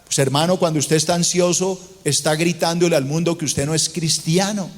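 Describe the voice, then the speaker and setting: A man's voice: fairly high pitch, steady tone, fairly quick. A man preaching a fervent sermon with a Colombian Spanish accent, in a church auditorium, mocking complainers in put-on voices between points. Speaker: pastor. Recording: long reverb of a church auditorium.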